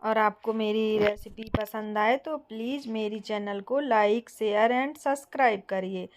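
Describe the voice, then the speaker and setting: A young woman from Bundelkhand hosting her home cooking channel, calmly explaining each step to viewers. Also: a little high, takes it slowly. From Bundelkhand, India. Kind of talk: casual cooking tutorial.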